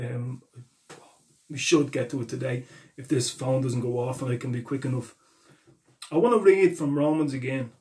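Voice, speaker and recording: A man's voice: medium pitch, mellow. A man preaching an earnest sermon, reading and explaining scripture verses and repeating the references as he goes.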